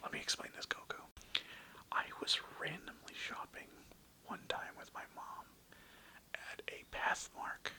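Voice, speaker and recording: A young adult content creator whispers close to the mic in an ASMR show-and-tell of their toy collection. The talk is informal and rambling, with occasional swearing, delivered a little slowly in a sharp tone.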